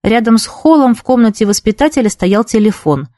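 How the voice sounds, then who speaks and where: A woman giving an expressive book narration, lively and voicing the characters as she reads. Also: a little high, a little fast, no echo, studio quality. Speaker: audiobook reader.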